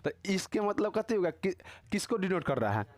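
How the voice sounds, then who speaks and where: A man's voice: high-pitched, sing-song, a little fast. A man teaching a casual grammar class, teasing and quizzing his students with constant tag questions.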